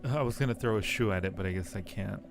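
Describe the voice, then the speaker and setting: A man with a lowish, gravelly voice talks fast while live streaming a game, reading the on-screen text aloud and musing as he chats casually with viewers. Music plays behind him, and there's background noise.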